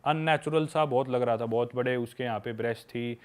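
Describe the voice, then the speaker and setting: This young travel-video maker speaks in a clear, resonant mid-range voice at a slightly quick pace. Appearing as a podcast guest, he swaps trip stories in a lively, candid, easygoing way, often addressing the listener as "brother."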